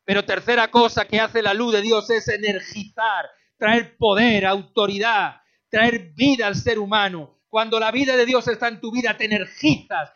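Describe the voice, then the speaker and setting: High-voiced preaching man, muffled recording. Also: fairly even intonation, moderate pace, sharp tone. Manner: repetitive, calls listeners "beloved", jokey asides. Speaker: pastor. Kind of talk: sermon. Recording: dull lo-fi recording.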